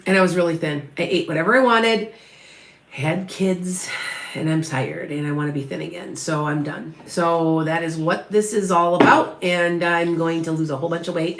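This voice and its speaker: Speaking at a normal pace in a lowish, slightly bright voice with fairly even intonation, this middle-aged woman from Wisconsin carries an Upper Midwest accent from northwest of Chicago. As a psychic medium, she chats with viewers during a live reading, rambling with many restarts and side comments, in a reverberant space.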